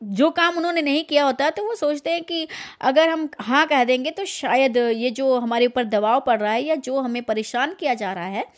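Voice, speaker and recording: A woman's voice: high-pitched, normal speed. A woman reading a literary short story aloud, then talking it over in her own words with some hesitation. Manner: reads dramatically, then comments with fillers.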